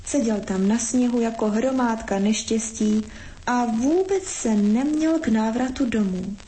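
A woman narrates a storybook in a gentle, measured way. Her voice sits a little high, with a faint hiss of noise underneath. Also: poor audio.

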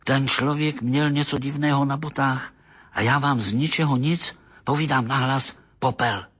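A man reading a story aloud with a husky voice, in steady storytelling narration. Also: mid-range voice. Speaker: audiobook reader.

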